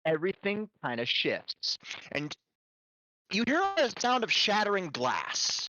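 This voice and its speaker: A man's voice: high-pitched, very animated, measured pace, bright, forceful tone, no echo, poor audio. A man improvising narration as a tabletop game master, telling the scene in a vivid, dramatic way.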